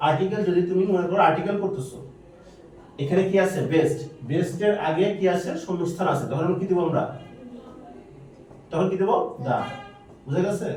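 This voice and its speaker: A man's voice: sits high, darkish tone, recorded from a distance, a little hiss or hum. A male teacher, quizzing his students with repeated questions during a grammar lesson. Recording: very echoey room, voice from afar.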